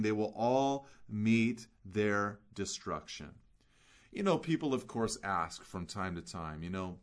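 A man preaching a sermon in an earnest way, slowing down to stress key words and asking rhetorical questions. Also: medium pitch, fairly bright tone. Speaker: pastor.

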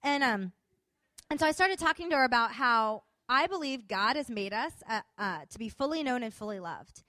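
Animated woman telling a testimony. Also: on the high side, moderate pace, dry recording. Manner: animated, expressive retelling with quoted dialogue. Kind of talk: personal testimony storytelling.

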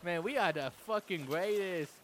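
A man's voice: sits high, lively intonation, normal speed, a little hiss or hum. A man doing improvised comedy on a podcast, rowdy and profane, laughing often.

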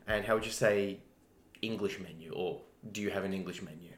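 A man's voice: sits low, fairly quick, echoey room. A man co-hosting a casual chat, joking and repeating words as he starts sentences. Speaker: co-host.

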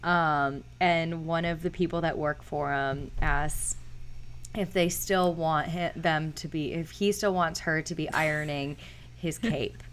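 A woman's voice: sits low, fairly even intonation, a little slow, slight background noise. A woman chatting casually as a podcast co-host, recapping a film with many fillers and restarts.

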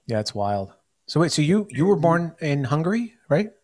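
A man's voice: on the high side, sing-song, moderate pace, darkish tone. An American man hosting a podcast in casual chat, rambling with many fillers and restarts. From United States. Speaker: podcast host.

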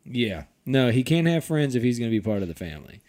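A man hosting a casual podcast, animated and laughing often, swearing freely. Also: mid-range voice, fast talker. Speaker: podcast host.

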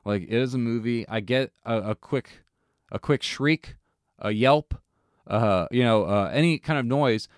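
A young man co-hosting a casual chat, telling animated stories full of fillers and swearing. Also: medium pitch, a little slow, clear, resonant tone, no room sound, clean studio sound. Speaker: podcast co-host.

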